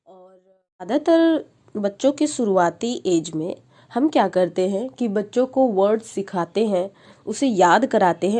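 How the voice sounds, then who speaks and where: A woman's voice: mid-range voice, dark tone. A woman teacher, patiently explaining a phonics lesson for parents and sounding out letters.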